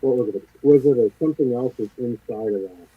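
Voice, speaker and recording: A man's voice: medium pitch, quick pace, husky, dry recording. A man calling in to a live talk show, hesitant and trailing off with fillers, his voice sounding muffled as if underwater over the phone. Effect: muffled, underwater-sounding phone audio. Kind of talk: casual chat. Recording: muffled tinny phone line.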